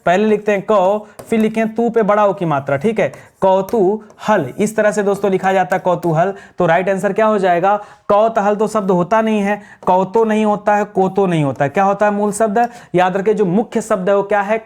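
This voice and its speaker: A man's voice: sits high, steady tone, fairly quick, hardly any pauses, darkish tone. A man teaching an exam revision class, explaining correct spellings and drilling answers with repeated rhetorical questions. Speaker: Hindi grammar teacher.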